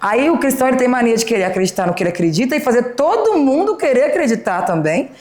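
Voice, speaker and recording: A woman's voice: fairly high pitch, sing-song, fast talker, a little mellow, echoey room. A woman from Belo Horizonte, a podcast guest giving blunt opinions in casual chat. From Belo Horizonte, Brazil. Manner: outspoken, emphatic, keeps asking 'entendeu?'.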